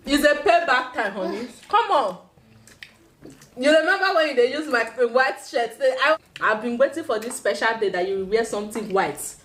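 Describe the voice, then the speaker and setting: This woman's voice is fairly high, bright and expressive, moving at normal speed against slight background noise. With a Nigerian accent, she giggles through playful banter with her husband while eating, pulling a prank for her mukbang channel.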